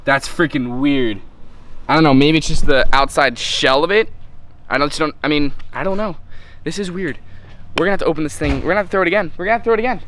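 Excited young man vlogging outdoors. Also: fairly high pitch, fast. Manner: excited, hyped, swears casually. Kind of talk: casual outdoor vlog. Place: outdoors on a house roof and driveway.

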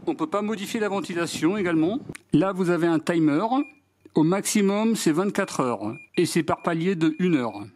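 High-voiced French man demonstrating a gadget. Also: animated, moderate pace, a little mellow, a little hiss or hum. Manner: matter-of-fact, reading out measurements step by step. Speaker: DIY product reviewer. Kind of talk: hands-on product demonstration voice-over.

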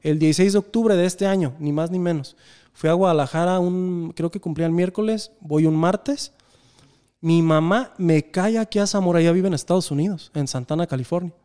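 A man's voice: high-pitched, fairly quick, warm tone, clear, resonant tone. A Mexican man in his thirties, talking earnestly and reflectively in a casual podcast conversation. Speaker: podcast guest.

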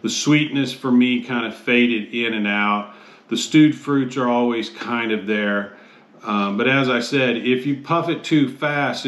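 An American man in his fifties giving a casual review to camera in a measured, halting way, often pausing mid-phrase. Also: lowish voice, fairly bright tone. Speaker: host of a pipe tobacco review show. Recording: roomy, echoey sound.

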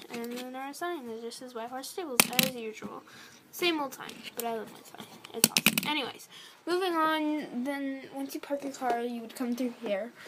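A woman's voice: sits high, very noisy. A young girl giving a casual, rambling tour of her toy horse barn, filmed indoors on a handheld phone. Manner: chatty, rambling, lots of fillers. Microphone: handheld phone camera close to toys.

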